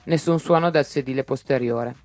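A man narrating an audiobook in a lively way, giving each character's lines their own voice. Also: medium pitch, normal speed, dry recording, soft background music.

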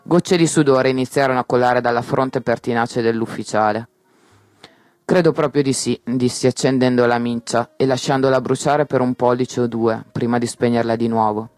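A man reading a novel aloud in first person, with a measured, wry storytelling delivery. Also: mid-range voice, steady tone, dry recording. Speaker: audiobook narrator.

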